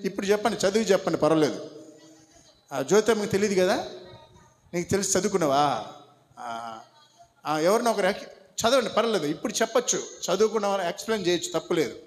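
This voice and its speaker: A high-pitched male pastor preaches in a church hall with a long, ringing reverb. He coaxes and urges his listeners one by one, mixing preaching with quick instructions. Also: lively intonation. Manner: directs congregation by name, coaxing and urging. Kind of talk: sermon with congregation instructions.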